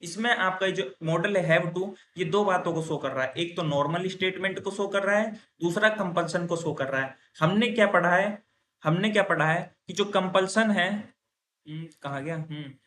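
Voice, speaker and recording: A man teaching English grammar in a classroom lecture. He explains step by step, often asks and answers his own questions, and says example sentences louder and slowly. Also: high voice.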